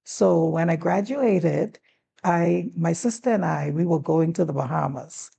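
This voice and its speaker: A woman in her sixties from the Turks and Caicos Islands, a former teacher and district commissioner, is a guest on a talk show, relaxedly telling stories from her life and animatedly acting out the dialogue. She has a Turks and Caicos accent and a lowish, husky, creaky voice, speaking unhurriedly.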